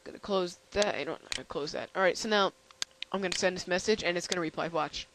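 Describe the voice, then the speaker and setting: A tired young man hosting a casual software demo, rambling and halting with lots of fillers. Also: sits high, noisy background. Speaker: channel host.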